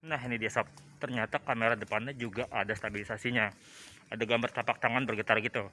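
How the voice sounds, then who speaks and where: A man's voice: mid-range voice, steady tone, fast, pushed and bright, slight background noise. A man reviews casually while walking with a handheld phone. His speech is muffled through a thick face mask and picked up by the phone's own microphone. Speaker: tech reviewer. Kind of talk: casual vlog narration to camera while walking. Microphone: phone's own camera mic.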